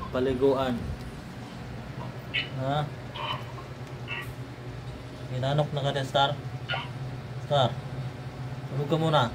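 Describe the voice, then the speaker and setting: Man, unhurried, sing-song baby talk, outdoor noise with passing cars. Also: medium pitch. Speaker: vlogger. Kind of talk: casual chat to pet dogs.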